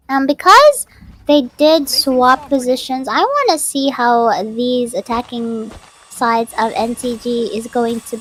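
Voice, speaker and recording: Female esports caster, high bright voice, rapid animated play-by-play. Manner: quick, animated calls with frequent restarts. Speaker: esports shoutcaster. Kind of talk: live play-by-play game commentary.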